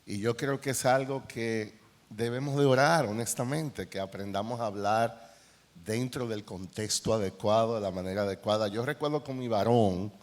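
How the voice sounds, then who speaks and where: A man's voice: lowish voice, moderate pace. Dominican man counseling on a panel. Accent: Dominican Spanish. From Dominican Republic. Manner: storytelling, animated anecdotes with quoted dialogue. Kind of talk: conference panel discussion. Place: large conference hall. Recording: reverberant hall.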